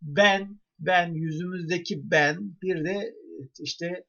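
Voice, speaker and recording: A man's voice: high-pitched, steady tone, slow pace, sharp tone. Man teaching a lesson, lo-fi sound. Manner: explains step by step, asking the class rhetorical questions. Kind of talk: online grammar lesson. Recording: dull lo-fi recording.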